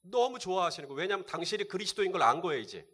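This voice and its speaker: A man's voice: high voice, big pitch swings, very fast, fairly bright tone. A male pastor delivering a sermon, asking the congregation rhetorical questions and answering them.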